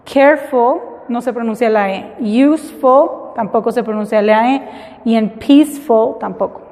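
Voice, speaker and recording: A woman teaching an English class, slowly and patiently, spelling words out letter by letter. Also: a little high, darkish tone, long reverb tail. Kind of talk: classroom lesson.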